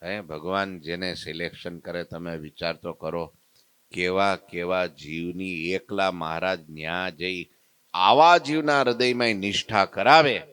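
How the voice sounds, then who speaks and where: A man, a preacher telling a devotional story in a lively way and acting out its characters. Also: low-pitched, measured pace, clear, resonant tone, dry recording. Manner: lively, acts out the story's characters in their voices.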